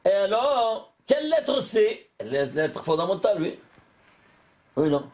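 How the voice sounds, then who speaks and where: A man, a rabbi, giving an animated Torah lesson, often exclaiming and putting questions to his listeners. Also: sits high, takes it slowly.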